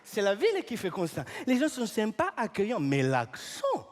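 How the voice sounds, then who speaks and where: A rambling man who garbles his words and grammar in a live comedy sketch, as a comedian puts him on. His pitch leaps up and down all the time, and a faint hiss sits behind him. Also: normal speed. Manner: lively, swooping pitch. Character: rambling, mangled-French male storyteller. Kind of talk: improvised stage comedy sketch.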